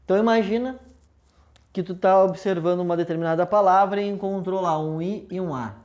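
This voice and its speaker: A woman's voice: on the low side, brisk, a little mellow, muffled recording. A woman teacher, patiently explaining a lesson step by step with rhetorical questions and an affectionate tone toward her students. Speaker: language teacher. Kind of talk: recorded video lesson at a whiteboard.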